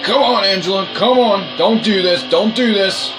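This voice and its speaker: A man giving excited commentary on his own racing game play, urgent and repetitive as he coaxes and cheers. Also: high-pitched, moderate pace, music in the background.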